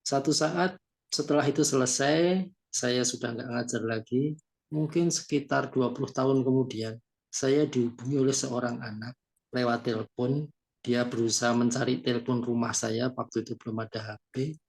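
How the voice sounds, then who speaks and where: A middle-aged man, an art teacher, calmly sharing a story at a seminar. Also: medium pitch, normal speed, vocal fry.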